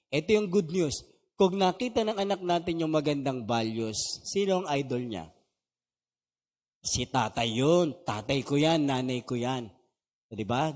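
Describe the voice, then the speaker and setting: Pastor lecturing in an echoing hall. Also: male voice, on the high side, a little mellow. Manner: conversational, asks the audience questions; mixes English phrases into his talk. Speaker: pastor leading a values seminar. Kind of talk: seminar lecture to a live audience. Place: meeting hall with an audience. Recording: reverberant hall.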